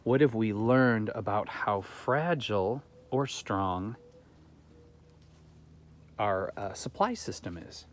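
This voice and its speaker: Taking things slowly and pausing often, a man with a low-leaning voice gives a reflective talk to camera from his home garden. He hosts his own gardening channel and speaks earnestly, musing with rhetorical questions.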